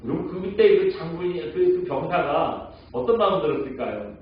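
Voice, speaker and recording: Korean pastor preaching in an echoey hall. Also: male voice, a little high, lively intonation, normal speed, slight background noise. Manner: storytelling, asks the congregation questions. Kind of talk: Sunday sermon. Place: church sanctuary. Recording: echoey church hall, mic at a distance, dull sound.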